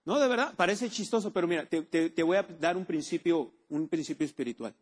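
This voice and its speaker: A man's voice: fairly high pitch, lively intonation, a little fast. A man preaching a sermon, repeating key words and asking the congregation for amens. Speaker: pastor.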